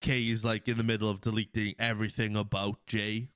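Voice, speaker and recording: A man's voice: lowish voice, a little fast, clean tone, dry recording, clean studio sound. A man hosting a podcast, retelling a film scene by scene in casual chat while sniffling from a cold. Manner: animated storytelling, acts out quotes, laughs often. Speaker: podcast host. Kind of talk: casual movie recap chat.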